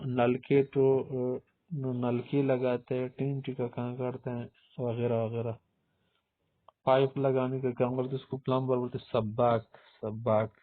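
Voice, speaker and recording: A man teaching a vocabulary lesson, who asks his own questions, answers them and repeats each word several times. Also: mid-range voice. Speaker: Arabic teacher. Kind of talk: Urdu-language vocabulary lesson. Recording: tinny phone-like audio.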